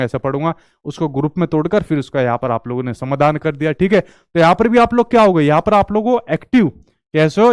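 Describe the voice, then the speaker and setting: A man's voice: a little high, a little mellow, clear, resonant tone, no echo, clean studio sound. Male teacher quizzing his class. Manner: repeats questions to the class and answers them himself. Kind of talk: online exam-prep lecture.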